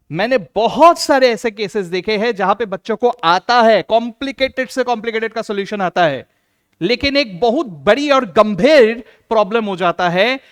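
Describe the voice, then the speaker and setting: A man teaching an accounts lesson, acting out teacher and student and slowing down to stress key rules. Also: high-pitched, clear, resonant tone. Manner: lively, plays both teacher and student in little dialogues. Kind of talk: classroom lecture.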